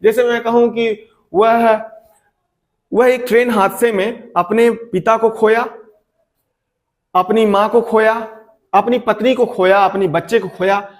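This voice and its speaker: A man teaching an exam-prep lecture, reading each question slowly and then explaining it again and again. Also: high-pitched. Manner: reads questions aloud slowly, then explains at length with many repetitions.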